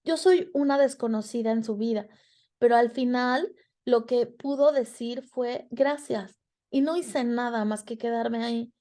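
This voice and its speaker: A woman's fairly high, mellow voice moves at normal speed as she reflects on emotions for an audience of students. She has a Mexican Spanish accent, speaks expressively, and performs the quoted dialogue.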